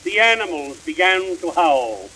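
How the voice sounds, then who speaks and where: A man playing old Santa Claus, telling children a bedtime story in slow, rhyming, sing-song lines. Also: high-pitched, animated, heavy background noise. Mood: storytelling. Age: older.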